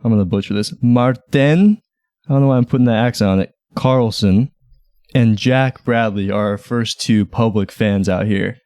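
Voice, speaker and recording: A man's voice: on the low side, steady tone, moderate pace, a little mellow, no room sound. A young man co-hosting a casual podcast, teasing his friend with wry, self-mocking humor. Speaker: podcast co-host and editor. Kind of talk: casual chat.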